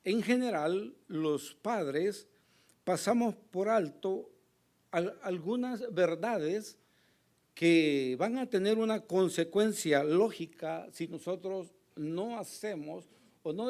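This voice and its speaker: A male pastor preaching a sermon with a hoarse voice, earnest and emphatic, pausing to address the congregation. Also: high-pitched, darkish tone. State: hoarse, recovering from lost voice.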